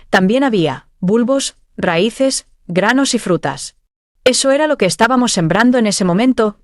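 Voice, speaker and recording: A woman's voice: medium pitch, no echo, clean studio sound. A woman telling of a dream vision at church, earnest and heartfelt. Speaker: church member giving testimony.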